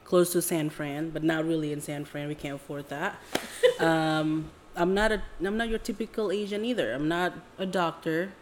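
Her low voice holds a fairly even intonation at a moderate pace, with hardly any pauses and a touch of background noise. This late-twenties co-host from Jakarta, Indonesia chats casually on a podcast, agreeable, informal and slightly hedging.

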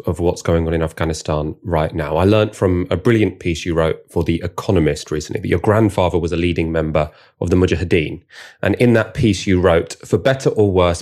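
A man's voice: low voice, a little mellow. A man asking prepared interview questions fluently.

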